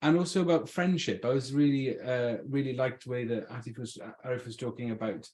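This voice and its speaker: A man with a Swansea accent from South Wales speaks at a medium pitch. He gives an informal talk to the public in a conversational way, thinking aloud as he goes. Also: brisk, darkish tone. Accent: Swansea Welsh. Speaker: invited speaker, arts practitioner.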